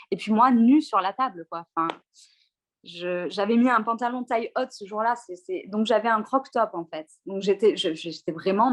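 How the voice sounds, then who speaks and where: A French-speaking woman tells her own story in a spoken testimony, halting often and restarting her sentences. Her voice sits at a middle pitch for a woman. She tells it in a plain, personal way. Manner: hesitant, many fillers and restarts, emotional retelling. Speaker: interviewee sharing a personal experience.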